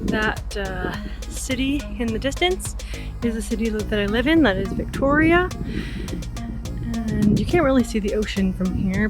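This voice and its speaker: A woman chatting casually to camera in a vlog, with playful, mock-serious deadpan humour. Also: mid-range voice. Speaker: vlogger.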